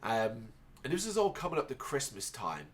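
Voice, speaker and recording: A man who grew up in Ireland speaks in a loose personal monologue at a middling pitch. He rambles, restarts his sentences and fills the gaps with ums and uhs. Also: wildly swooping pitch. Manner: rambling, halting, with many restarts and fillers. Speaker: podcast host.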